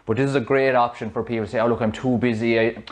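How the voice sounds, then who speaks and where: A man in his thirties with an Irish accent, a fitness coach talking through a smoothie recipe in his home kitchen on a clip-on mic, chatty and explanatory. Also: mid-range voice, steady tone, fast. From Ireland. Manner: chatty, explanatory, loose restarts. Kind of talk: casual cooking demonstration. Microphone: small clip-on mic.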